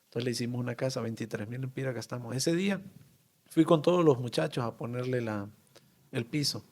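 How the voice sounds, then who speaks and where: A man with a Honduran accent, a town mayor telling a personal story in an interview, halting and emotional with many pauses and fillers. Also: mid-range voice, darkish tone. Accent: Honduran Spanish.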